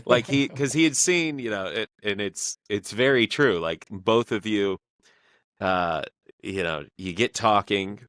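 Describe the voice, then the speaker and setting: A man with a very low voice hosts a podcast in a casual back-and-forth. He tells long stories in a halting way, full of fillers and restarts, and the sound is close and dry. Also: fairly bright tone, clean tone, dry recording. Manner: halting, filler-heavy storytelling. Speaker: podcast host.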